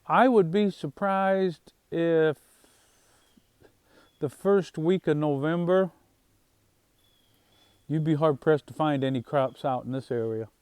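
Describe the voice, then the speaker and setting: A man talking casually to his viewers about the harvest and farm life, in an unhurried, halting way with plenty of fillers and restarts. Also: a little high, darkish tone, clean tone, no room sound. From Northwest Indiana, USA. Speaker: farm vlogger. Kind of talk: casual rambling monologue.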